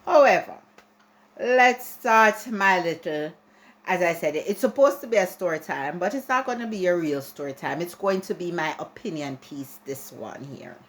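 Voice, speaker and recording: An adult Jamaican woman vlogger delivers a chatty, ranting opinion monologue to camera for her viewers. Her voice is fairly low with lively intonation and a moderate pace. She often restarts and repeats herself.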